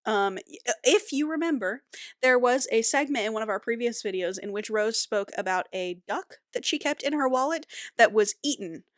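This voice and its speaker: A woman's voice: fairly high pitch, animated, normal speed, dry recording, clean studio sound. A woman in her twenties co-hosting a podcast, rambling casually with lots of ums and uhs and apologizing for tangents. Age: 20s. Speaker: podcast co-host.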